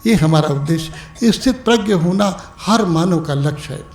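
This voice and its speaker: A man giving an evening spiritual discourse as a teacher, calling his listeners "my dear" and "my brother", moving between rising exhortation and soft, slowed asides. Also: high-pitched, lively intonation, echoey room.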